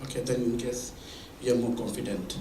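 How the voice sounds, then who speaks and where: Male presenter, mid-pitched, explaining with examples, heard from a distance in a roomy hall. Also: steady tone, moderate pace, noisy background. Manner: explains with examples, many restarts. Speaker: presenter at a mentoring event. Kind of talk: conversational presentation. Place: meeting room or hall. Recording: echoey room from far off.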